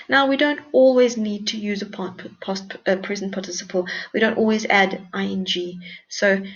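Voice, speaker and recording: Woman teacher, patient and encouraging, gravelly voice, dull lo-fi recording. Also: mid-range voice. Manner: patient, encouraging, explains step by step. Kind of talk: recorded grammar lesson.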